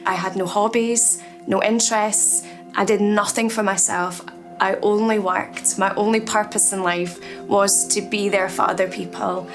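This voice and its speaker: A woman's voice: medium pitch, fairly even intonation, measured pace, faint music behind. Candid Scottish woman in her thirties. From Scotland, Edinburgh. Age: 30s. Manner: reflective, candid, softly spoken. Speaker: artist. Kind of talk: documentary interview.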